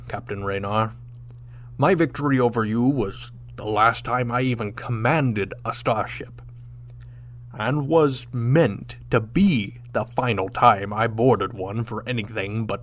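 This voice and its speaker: In a sci-fi audio drama, an actor voices a proud, stern old Klingon warrior captain with a formal, declamatory delivery. The male voice is medium in pitch and a bit bright.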